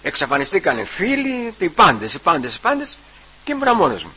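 A man giving a personal testimony at church. He retells the conversations and keeps repeating "I say" and "he says", with halting restarts. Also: a little high, huge pitch swings, bright, forceful tone, breathy edge, poor audio.

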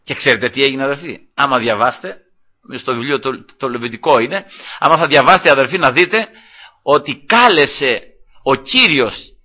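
A man's voice: mid-range voice, pushed and bright, lo-fi sound. A male preacher delivering a sermon, retelling a scripture story with acted quotes and repeatedly addressing his listeners as brothers.

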